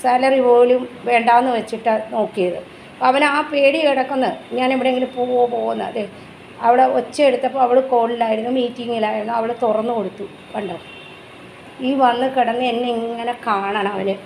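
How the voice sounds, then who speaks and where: A woman's voice: a little high, steady tone, a little fast, vocal fry, a little mellow. A woman with a Malayali accent, vlogging at home and talking to her dog in doting baby talk between chatty asides to viewers. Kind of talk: casual home vlog, cooing to her dog. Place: home, kitchen area. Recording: echoey home room with faint background noise.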